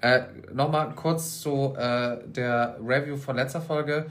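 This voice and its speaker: A man's voice: mid-range voice, steady tone, slow pace, fairly bright tone. A young man co-hosting a podcast, crude, joking and teasing in casual chat. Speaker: podcast co-host.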